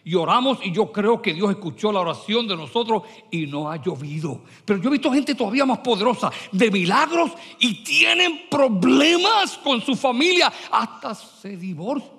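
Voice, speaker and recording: Animated high-voiced male preacher in a hall. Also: normal speed, vocal fry, hardly any pauses, slightly rough. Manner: animated, mixes English words into Spanish. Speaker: pastor. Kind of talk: sermon.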